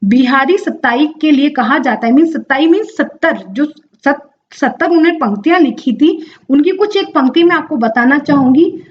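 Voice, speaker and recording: A young Hindi exam tutor teaches an exam-prep lesson, explaining step by step, drawing out her words and answering her own questions. Her voice is high-pitched at a moderate pace, and the recording is muffled.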